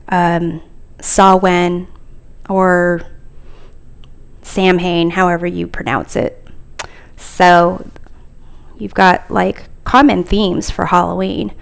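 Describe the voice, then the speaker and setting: A woman's voice: lowish voice, clean tone. A woman reviewing tarot decks in a casual chat, talking hesitantly and thinking aloud with frequent fillers.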